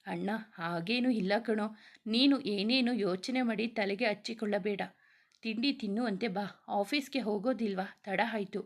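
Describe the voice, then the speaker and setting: A woman's voice: medium pitch, moderate pace, natural voice. Brief: woman voicing a scheming younger sister, coaxing and edgy, story dialogue.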